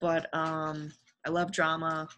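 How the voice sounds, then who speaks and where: A woman's voice: low voice, completely flat delivery, slow pace, noisy background. A young adult woman, a guest on a podcast, talking casually and earnestly about her career and giving upbeat advice. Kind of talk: casual interview chat.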